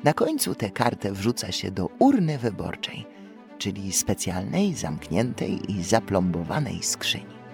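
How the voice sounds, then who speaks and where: Slow, gravelly male storyteller. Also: on the low side, over music. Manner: expressive, storytelling, unhurried. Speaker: audiobook narrator. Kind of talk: children's audiobook narration.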